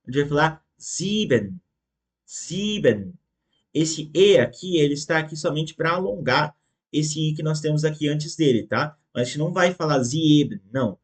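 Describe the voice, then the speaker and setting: A man teaching a German lesson online, slowly and patiently repeating words for the learner and checking in often. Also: a little high. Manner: ends phrases with checking tags.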